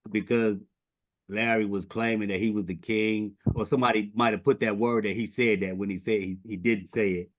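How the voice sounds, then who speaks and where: A man's voice: on the low side, fairly even intonation, normal speed, no room sound, clean studio sound. A man hosting a casual interview, often filling with "you know what I'm saying". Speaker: host.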